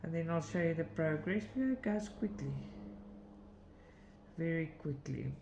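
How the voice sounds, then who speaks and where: A South African woman with a low, slightly slow voice hosts a cross-stitch channel from her home. She chats casually while stitching, rambling through asides and laughing often. The recording has a roomy echo and faint background noise.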